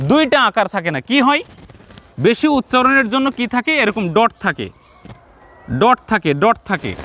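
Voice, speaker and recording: A male Quran teacher with a Bangladeshi Bengali accent gives a step-by-step reading lesson. He repeats each point slowly and speaks straight to the viewers. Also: high voice, bright, forceful tone.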